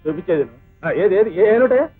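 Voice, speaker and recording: An actor playing a gruff hotel cashier who scolds and dismisses a boy. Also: high voice, animated, racing. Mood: scolding. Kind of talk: 1980s film drama. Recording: tinny lo-fi film soundtrack with faint music.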